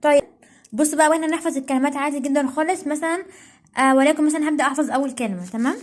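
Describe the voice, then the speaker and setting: A young Egyptian woman tutoring at a breakneck clip, her voice sitting high. She keeps checking in with "okay?" and restarts her sentences, explaining casually as she writes. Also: steady tone. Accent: Egyptian Arabic. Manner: rapid, checks in with "okay?" constantly, self-correcting. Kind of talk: casual study tips while writing.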